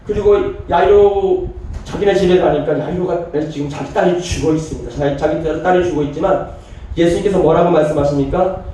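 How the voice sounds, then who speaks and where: High-voiced preacher in an echoey church. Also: male voice, fairly quick, mellow. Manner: storytelling preacher who voices the people in the story. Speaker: pastor. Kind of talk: sermon. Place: church sanctuary. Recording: very echoey church hall from a distance.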